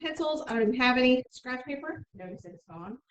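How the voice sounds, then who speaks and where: A woman teaching a middle school math class, briskly explaining steps and checking in with "okay?" often. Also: high-pitched, lively intonation, dull audio. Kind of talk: classroom instruction. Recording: echoey room, mic far off, faint noise.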